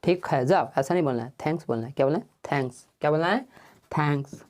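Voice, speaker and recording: Male English teacher, mellow voice, drills phrases slowly and quizzes the class, answering his own questions. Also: on the high side. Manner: asks the class questions and answers them himself. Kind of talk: spoken English lesson in Hindi.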